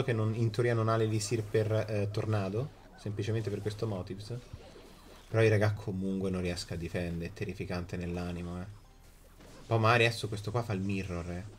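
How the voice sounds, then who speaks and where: A game streamer with a lowish voice emphatically commentates a live mobile game from a small indoor streaming room, repeating phrases and swearing in exasperation. There's slight background noise.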